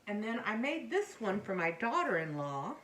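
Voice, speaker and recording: In a casual show-and-tell to camera, a middle-aged woman who vlogs about crochet shows off her things, hesitating and frequently trailing off or correcting herself. She has a mid-range, sing-song, slightly bright voice at a moderate pace. The audio is poor, with faint background noise and occasional chair creaks.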